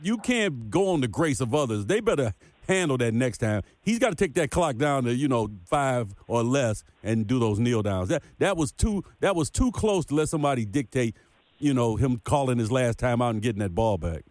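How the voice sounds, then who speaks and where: A man's voice: mid-range voice, big pitch swings, normal speed, darkish tone, dry recording. A man co-hosts a casual sports podcast, his voice close and dry with no room around it. He talks in an everyday way and hammers his points home, repeating lines for emphasis. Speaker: podcast co-host.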